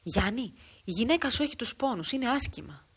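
A woman's voice: a little high, very animated, fairly bright tone, husky, pitched above the performer's own voice, exaggerated voice. A bold, scheming old village woman, voiced by a woman reading the story aloud. She talks firmly and urgently, pressing her listener with confident, persuasive words. A plain, lightly acted storybook voice.

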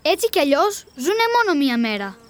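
A woman voicing a sullen, quiet young boy who answers curtly in a storybook reading. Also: high-pitched, very animated, voice pushed up. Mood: sulky. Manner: curt, sullen.

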